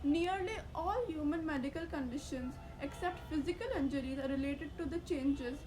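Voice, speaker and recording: High-pitched woman reading a scripted presentation. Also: normal speed, over music, poor audio. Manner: reading aloud, formal and careful. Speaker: student presenter. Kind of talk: scripted case-study presentation read from a teleprompter.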